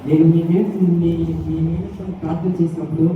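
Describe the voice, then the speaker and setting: Dude doing a preachy pastor, tinny phone-like sound, echoey room, far away. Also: male voice, a little high, level tone, brisk, noisy background, close to an everyday voice. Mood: earnest. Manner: earnest, preachy. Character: earnest pastor sharing a vision. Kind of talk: amateur stage skit.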